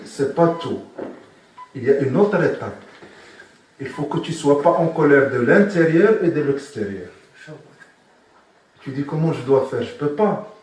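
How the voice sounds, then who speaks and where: A man giving a spoken religious lesson as a sheikh, asking his listeners questions and repeating his key points. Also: fairly high pitch. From Morocco. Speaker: sheikh teaching Sufism. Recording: very echoey room, from far off.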